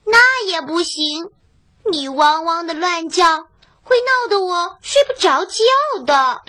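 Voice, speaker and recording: A woman's voice: very high-pitched, expressive, takes it slowly, bright, forceful tone, heavily acted. A woman voicing a proud, bossy little girl in a children's storybook, with petulant, emphatic refusals. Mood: indignant.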